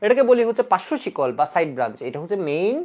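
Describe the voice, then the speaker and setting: Male chemistry tutor, exam cram lecture, animated, coaxing Q&A delivery. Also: high-pitched, rapid-fire. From Bangladesh. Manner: lively, coaxing, asks students questions and answers them himself; repeats key rules in drilling chants. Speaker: chemistry teacher.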